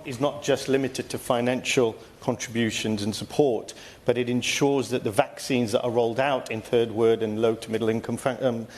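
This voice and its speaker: A man puts a formal point in a parliamentary debate. His pitch is middling and stays very level, and his phrasing is halting. There is clear background noise. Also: a little mellow. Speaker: member of parliament. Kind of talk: parliamentary intervention.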